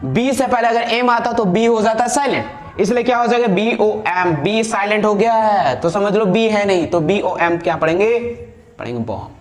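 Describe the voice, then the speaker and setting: A man's voice: high voice, expressive, normal speed, echoey room. A man with an Indian English accent teaching an English pronunciation lesson, repeating each word and quizzing the viewer. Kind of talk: spoken English grammar lesson.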